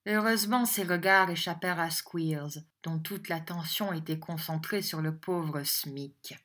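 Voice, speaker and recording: A woman narrating an audiobook with a measured, expressive reading. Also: sits low.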